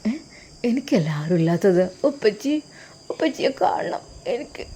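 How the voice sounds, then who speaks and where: A woman's voice: medium pitch, very animated, moderate pace, dark tone, a little hiss or hum. A woman voicing a small girl who pleads tearfully to see her father. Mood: pleading.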